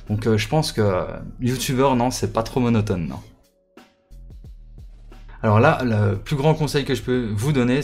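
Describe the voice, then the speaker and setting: A man chats casually to his viewers as a gaming YouTuber. His voice sits at an ordinary middle pitch, and he often stalls, restarts and repeats himself. Faint music plays softly behind him. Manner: hesitant, many fillers, repeats words.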